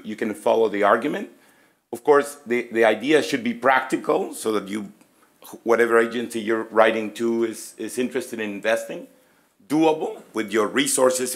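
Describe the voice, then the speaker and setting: Hoarse middle-aged man lecturing. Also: lowish voice. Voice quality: hoarse, raspy voice. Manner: halting, conversational, inviting questions. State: losing his voice, throat-clearing. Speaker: physics professor, presenter. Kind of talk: informal lecture presentation. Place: conference room, at a lectern. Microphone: gooseneck lectern microphone.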